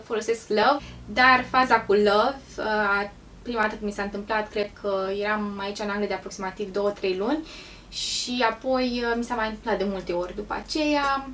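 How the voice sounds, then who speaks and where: A chatty woman from Romania tells stories to her viewers in a relaxed vlog, often pausing on an um. Her voice sits a touch higher than most and comes from a little way off the mic. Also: far from the mic. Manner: chatty, pauses with frequent ums. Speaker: vlogger. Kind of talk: casual vlog storytelling.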